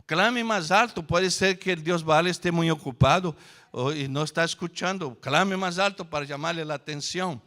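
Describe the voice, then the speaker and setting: A smug, mocking prophet man in a sermon's retelling, voiced by a preacher. His manner is taunting and sure of himself. His voice sits slightly high for a man. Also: moderate pace, pushed and bright. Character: smug bold male prophet taunting rivals.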